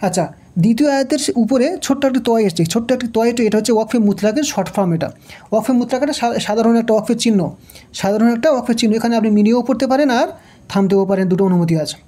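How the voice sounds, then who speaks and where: Woman teacher going syllable by syllable, patient, soft mellow voice. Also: fairly high pitch, racing. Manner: patient, repeats each syllable and asks the learner questions. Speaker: Quran teacher. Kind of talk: slow spelled-out recitation lesson.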